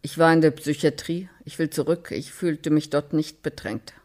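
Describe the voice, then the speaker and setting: A reader voicing a withdrawn, despairing woman in a nightgown, spoken quietly and flatly. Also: medium pitch, normal speed, close to an everyday voice. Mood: subdued. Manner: quiet, flat, subdued.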